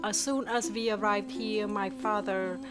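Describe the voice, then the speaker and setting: A woman's voice: mid-range voice, fairly even intonation, a little slow, loud music behind the voice. A woman speaking earnestly in an interview.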